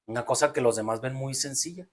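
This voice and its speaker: A man's voice: mid-range voice, fast talker. Reflective Mexican man on a podcast. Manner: reflective, explains at length with many restarts. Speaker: podcast co-host. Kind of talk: casual podcast conversation.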